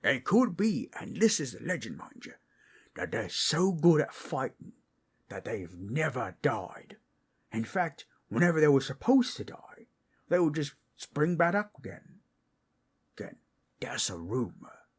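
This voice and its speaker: Casting: male actor as friendly, bragging ork warrior turned masseur, raspy and unhurried, rustic rambling talk, ASMR role-play. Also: mid-range voice, sing-song, full character voice. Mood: chatty, dreamy. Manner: folksy, rambling, boastful fantasy-brute talk with rustic grammar.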